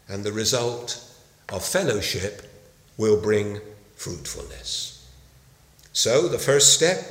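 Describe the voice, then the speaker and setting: Slow, deliberate preacher in an echoing hall. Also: male voice, medium pitch, a bit bright. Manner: slow, deliberate delivery with emphatic pauses. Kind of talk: sermon. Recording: roomy hall reverb.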